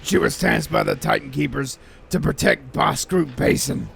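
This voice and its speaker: A man playing an eccentric, rambling historian with a gravelly voice in a nature documentary parody. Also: on the high side, expressive, normal speed, fairly bright tone, slight background noise, exaggerated voice. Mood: grave, grumbling. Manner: rambling, insistent, repetitive. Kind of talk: comic expert commentary in a nature documentary parody. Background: music.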